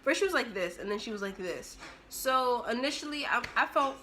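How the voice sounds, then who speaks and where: A young woman tells a story to camera with a bright, keen voice. She is animated and expressive and acts out the moments as she goes. A faint hum sits under her speech. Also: on the high side, a little fast. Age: young adult. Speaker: vlogger. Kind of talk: storytime vlog.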